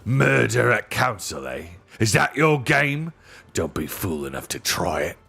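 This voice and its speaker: Storybook dwarf, male reader: cold, proud, combative, sneering, lively rise and fall. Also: lowish voice, unhurried, creaky, husky, soft background music, exaggerated voice. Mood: sneering challenge. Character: bitter, defiant male dwarf, cold and quarrelsome.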